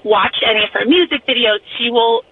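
A woman's voice: fairly high pitch, brisk, slightly rough, dry recording. A woman calling in to a radio show over the phone. She speaks earnestly and thoughtfully, with frequent ums. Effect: heard over a phone line. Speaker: caller. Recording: tinny phone line.

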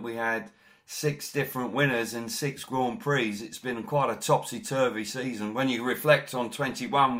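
A man's voice: medium pitch, a bit bright. Enthusiastic male sports interviewer. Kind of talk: conversational sports interview with race recaps.

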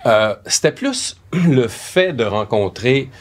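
A middle-aged Québécois man speaks in a measured, reflective way, pausing and restarting as he searches for words. His voice sits in an ordinary middle pitch for a man. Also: lively intonation. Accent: Québécois French. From Arvida, Quebec. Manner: measured and thoughtful, with frequent hesitations. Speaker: former VJ, guest. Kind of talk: reflective conversation.

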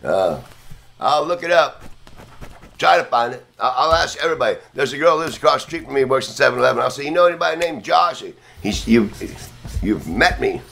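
A man's voice: mid-range voice, animated, brisk, vocal fry, fairly bright tone, faint music behind. A middle-aged man hosting a casual livestream from an outdoor balcony, rambling offhand and swearing freely. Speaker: livestream host. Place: outdoor balcony near neighbors.

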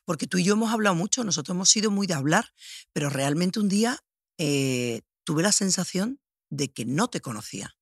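A woman's voice: fairly low pitch, animated, brisk, husky, no echo, clean studio sound. A middle-aged woman hosting a podcast, asking probing questions in an intimate conversation, often restarting her sentences. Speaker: podcast host.

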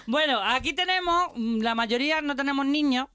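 A woman's voice: sits high, expressive, moderate pace, a bit bright, no echo. Blunt, laughing Andalusian woman. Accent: Andalusian Spanish. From Jaén, Spain. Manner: blunt, swears freely, laughs often. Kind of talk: casual chat.

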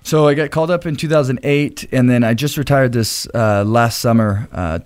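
A man's voice: mid-range voice, moderate pace, a little mellow, clean tone. Earnest man rambling in an interview. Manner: rambling, many restarts, earnest. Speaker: retired baseball pitcher, studio guest. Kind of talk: casual interview chat.

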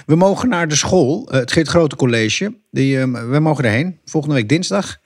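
A man leaves a quick, informal voicemail, his pitch rising and falling a lot as he talks. He sounds hurried and keeps stopping on filler sounds. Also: animated, breathy edge. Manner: casual and hurried, with many fillers. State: leaving a voicemail.

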